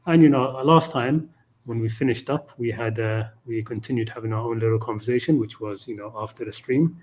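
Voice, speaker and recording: A man hosts a casual video chat, friendly and rambling, packing his sentences with ums. His voice is medium-pitched and darkish, steady in tone and a little fast.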